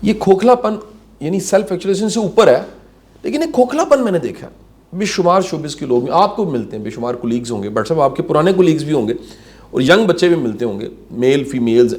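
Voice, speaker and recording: This male host talks with a raised, lively pitch that swings freely from high to low. He leads the interview with long, searching questions and animated emphasis. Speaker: talk show host. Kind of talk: conversational interview.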